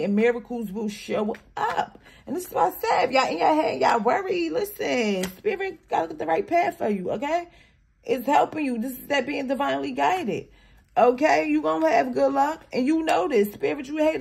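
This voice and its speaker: High-pitched woman doing a spiritual reading, still got her morning voice, slangy and emphatic, says okay a lot. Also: moderate pace, vocal fry. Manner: emphatic, slangy, keeps tagging lines with "okay?"; swings between low mutters and loud animated bursts. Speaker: spiritual card reader. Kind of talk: casual spiritual reading to viewers.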